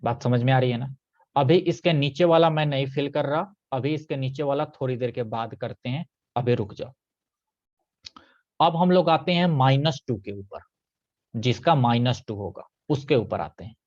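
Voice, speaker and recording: A man's voice: mid-range voice, normal speed, darkish tone, lo-fi sound. A man teaching a live online chemistry class, patiently repeating key points and checking that students follow.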